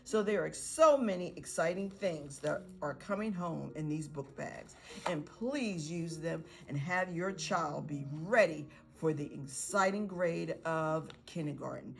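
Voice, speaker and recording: A woman's voice: low-pitched, unhurried, creaky. A woman teacher giving parents encouraging tips on reading and writing activities with their young children. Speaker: pre-K teacher. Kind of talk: instructional video for parents.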